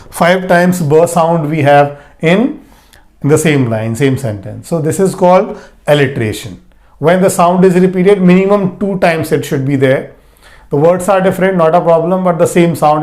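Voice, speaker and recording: A man explaining a grammar lesson slowly, stressing and repeating key words. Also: high-pitched, darkish tone. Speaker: English teacher.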